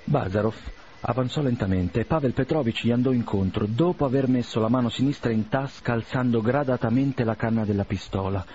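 A man reading an audiobook in a measured, even storytelling manner, on a muffled lo-fi recording. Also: mid-range voice, a little hiss or hum. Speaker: audiobook narrator.

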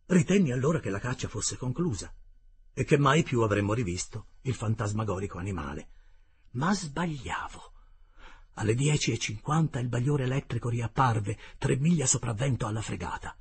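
A man reading a classic adventure novel aloud as an expressive first-person audiobook narrator. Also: medium pitch, husky.

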